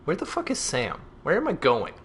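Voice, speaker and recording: Bright lively young guy, slow unhurried talk, jokey gameplay chat. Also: a little high, a little hiss or hum. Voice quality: giggly, joking, laughs often. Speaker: streamer playing a game.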